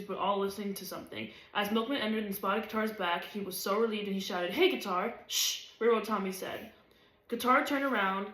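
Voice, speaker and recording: Woman reading a book out loud, steady, mid voice, roomy echo. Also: mid-range voice. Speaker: reader. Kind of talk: reading a novel aloud.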